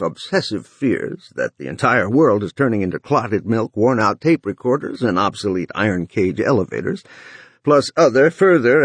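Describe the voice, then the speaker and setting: A man voicing a gravelly older male boss who delivers a slow, salesman-like advertising pitch with a booming voice. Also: no room sound.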